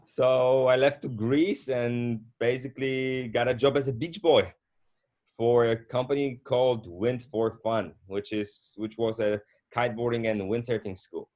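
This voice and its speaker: A middle-aged man from Poland, telling his story as a guest in a casual conversation, unhurried and full of fillers. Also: mid-range voice, fairly even intonation, a little mellow. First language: Polish. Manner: unhurried, with frequent fillers and restarts.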